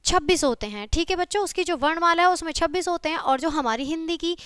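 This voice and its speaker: A woman teaching a children's lesson, patient and checking often that the children follow, spelling out sounds slowly one by one. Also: extremely high pitch, fairly bright tone, dry recording, studio quality. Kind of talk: classroom video lesson for children.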